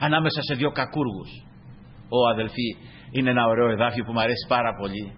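A man's voice: medium pitch, long reverb tail, lo-fi sound, slight background noise. A man preaching a fervent sermon, often addressing his listeners as brothers.

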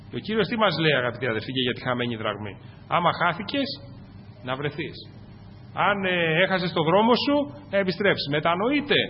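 A Greek man preaching a fervent sermon to his congregation, rising to loud peaks and dropping to low asides. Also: slight background noise. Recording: muffled, echoing church recording.

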